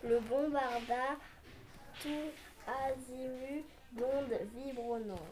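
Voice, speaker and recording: A woman narrating a scripted children's story aloud, in short halting phrases. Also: high-pitched, fairly even intonation. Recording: clearly noisy recording with clicks.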